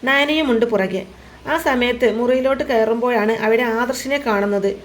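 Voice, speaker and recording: A woman narrating a serial recap in a chatty, conversational tone. Her voice is a little high. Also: normal speed. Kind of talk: casual storytelling recap.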